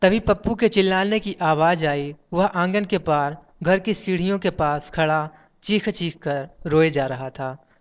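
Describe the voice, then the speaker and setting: A man narrating a novel as an audiobook in a measured reading voice, on a dull lo-fi recording. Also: a little high, clear, resonant tone. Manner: measured, reads page numbers aloud.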